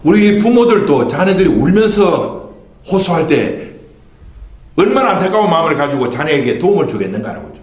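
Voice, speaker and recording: A man's voice: on the high side, sing-song, brisk. A man pastor giving a Sunday sermon, preaching with rhetorical questions and calling on the congregation to repeat after him. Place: church sanctuary. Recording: echoey church hall.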